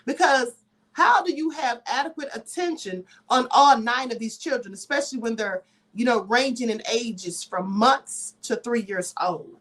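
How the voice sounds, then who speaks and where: Chatty woman host, higher-pitched, emphatic live commentary with asides. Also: moderate pace, fairly bright tone. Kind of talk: live commentary and reading news aloud.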